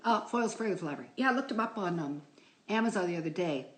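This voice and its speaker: A woman's voice: expressive, quick pace. A middle-aged woman hosting a live stream from home, playfully reading odd words from a book and chatting, at times dropping to a whisper. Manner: playful, drifts into soft whispers and high exclaims. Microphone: phone.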